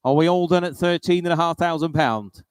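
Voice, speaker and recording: A British man working as an auctioneer, calling live bids and repeating the figures in a steady auction patter. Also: a little high, fairly quick, clear, resonant tone, no echo, studio quality.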